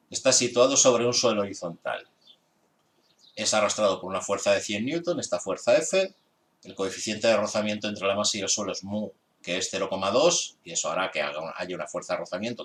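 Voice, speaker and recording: A man who is a physics teacher, methodically working through an exam solution step by step for his students. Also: on the low side. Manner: exasperated with students' grades.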